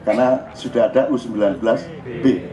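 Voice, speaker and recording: At a live open forum event, a man with a Javanese accent gives a crowd an informal religious talk, joking, animated, and mixing in local dialect. His voice is mid-range and fairly quick.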